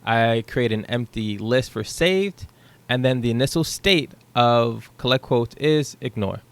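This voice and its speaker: Recorded on a headset in a small room at home, this young man talks through his code in a casual screen-share walkthrough as a programming tutor, thinking aloud with occasional ums and a questioning "right?". His mid-range voice is smooth, with lively intonation and a slightly slow pace.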